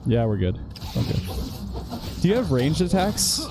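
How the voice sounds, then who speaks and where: A man playing a video game and bantering casually, joking and laughing often, reacting loudly to the game. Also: on the high side, sing-song, a little slow, noisy background. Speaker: gaming streamer. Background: game music.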